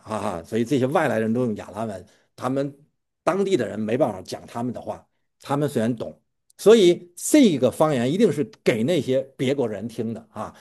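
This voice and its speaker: A man's voice: medium pitch, mellow. A man preaching a sermon in a casual storytelling way, often repeating words as he talks, with chuckling asides and questions put to his listeners. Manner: stammering repetitions, chuckling asides, quizzing listeners.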